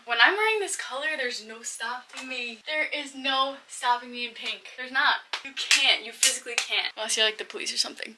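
A woman in her twenties chatting casually and emphatically, gushing and swearing, recorded by a camera across a small bedroom. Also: fairly high pitch. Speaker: vlogger. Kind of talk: casual chatty clothing haul. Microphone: camera across the room. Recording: distant mic, faint background noise.

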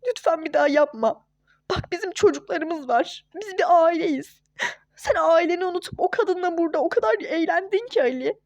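A woman voicing a young wife and mother in a home-made toy-game role-play, scolding and hushing her husband. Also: extremely high pitch, animated, normal speed, no echo. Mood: hurt. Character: young wife and mother, hurt but firm and sensible.

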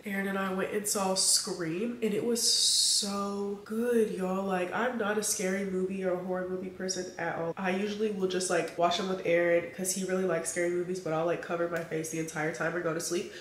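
A young woman with a lowish voice vlogs casually to camera from home, talking at normal speed with few pauses. She's chatty and animated, tossing slangy asides to viewers, and sounds a little nasal and congested from allergies. The audio is slightly off-mic, with a roomy echo and slight background noise.

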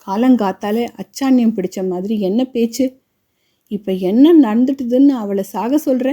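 A woman's voice: on the high side, normal speed, warm tone, natural voice. A woman voicing an elderly widowed grandmother who talks with impassioned, reproachful pleading. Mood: angry.

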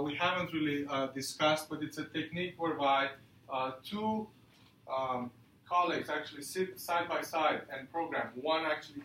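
A man giving a university lecture, halting with many fillers and putting questions to the class. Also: on the high side, a bit bright, a little hiss or hum. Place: lecture hall. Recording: echoey lecture hall.

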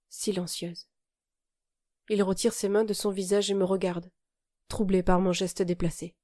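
Brief: female audiobook narrator, calm and measured first-person reading, mellow tone, dry close sound. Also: mid-range voice, no echo.

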